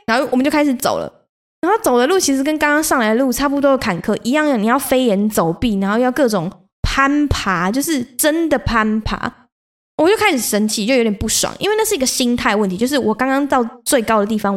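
A young woman hosting a podcast, telling stories in a casual, animated way, swearing freely and acting out her own outbursts. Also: fairly high pitch. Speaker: podcast host. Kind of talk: casual solo storytelling.

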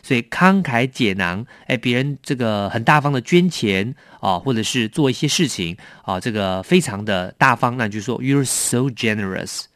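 A man's voice: medium pitch, lively intonation, normal speed, few pauses, a bit bright, dry recording, clean studio sound. A middle-aged man hosting a radio English lesson, explaining each word and repeating it to drill the pronunciation. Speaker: English teacher and program host.

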